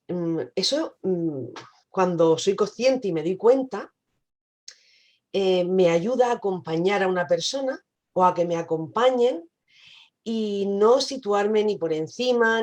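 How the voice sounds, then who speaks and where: Mellow, low-voiced woman. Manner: reflective, thoughtful, with soft hesitations. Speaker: coach, podcast co-host. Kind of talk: casual podcast discussion.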